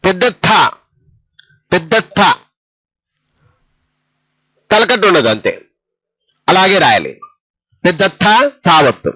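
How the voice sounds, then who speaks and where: A man teaches letters one by one in a slow, patient way, repeating each letter twice. His voice is bright and a little husky, and it rises and falls a lot. The sound is dry and dull, like a lo-fi recording. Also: fairly high pitch, no room sound. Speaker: Telugu script teacher. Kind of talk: slow step-by-step lesson.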